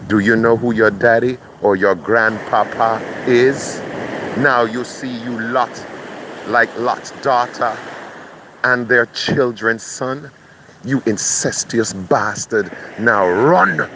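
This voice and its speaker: A man delivering a threatening curse monologue, speaking slowly and breaking into chanted incantations. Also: fairly low pitch, background noise. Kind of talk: menacing spoken curse monologue.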